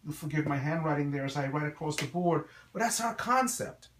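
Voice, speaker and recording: A middle-aged man with a slight Guyanese accent, a reverend and school founder, delivers an earnest, formal promotional address to camera with a preacher's emphatic style. His fairly high, fairly bright voice is expressive and a little fast. He's far from the mic in an echoey, reverberant room with slight background noise.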